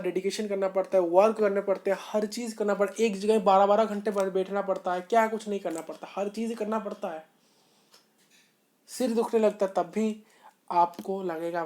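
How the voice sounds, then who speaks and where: A male online tutor giving a motivational study-advice talk to school students. He talks informally and repeats himself, often calling his viewers "bhai sahab", and swings between loud stresses and quiet asides. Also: high voice. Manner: earnest and repetitive, often saying "bhai sahab".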